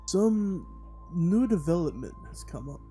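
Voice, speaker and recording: A worried, stern cop speaks in a muddled, wavering foreign accent, as an amateur man puts it on. It is a podcast story reading. Soft music plays behind. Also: high-pitched, lively intonation, a little slow. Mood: worried, serious. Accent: put-on muddled foreign accent. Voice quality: odd wavering put-on accent. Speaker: guest voicing a character.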